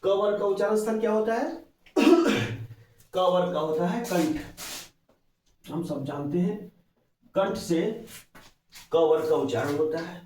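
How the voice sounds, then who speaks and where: A man's voice: high voice, unhurried, pauses often, darkish tone. A man giving a grammar lesson as a teacher, explaining step by step and answering his own questions. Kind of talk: classroom-style grammar lesson. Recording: very echoey room, voice from far off.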